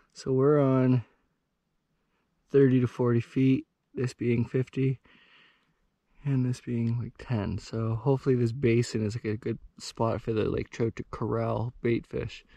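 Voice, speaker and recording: A young man talks to his camera in a casual outdoor vlog style. His delivery is informal and excitable, with slangy exclamations. There is clear noise behind his mid-pitched voice. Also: unhurried, long pauses. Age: young adult. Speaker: ice fishing vlogger. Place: outdoors on a frozen lake and inside an ice fishing tent. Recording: clear background noise, clicks.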